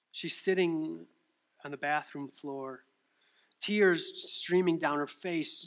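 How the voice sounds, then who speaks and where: Bright-voiced young male pastor preaching. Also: on the high side. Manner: animated storytelling with rhetorical questions. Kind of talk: sermon.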